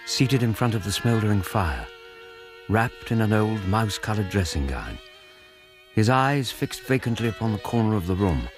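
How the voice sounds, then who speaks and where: An actor playing a genial British gentleman doctor in a radio drama, polite, well-spoken and easily astonished. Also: fairly low pitch, expressive, moderate pace, over music, natural voice. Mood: reflective narration. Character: genial, incredulous gentleman doctor, loyal companion.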